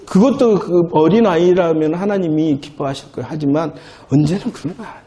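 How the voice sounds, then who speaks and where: A man preaching as a pastor in a church, talking conversationally, then repeating phrases loudly for emphasis. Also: fairly high pitch, brisk. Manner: conversational preaching, swings from soft asides to loud emphatic repetition. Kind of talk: sermon.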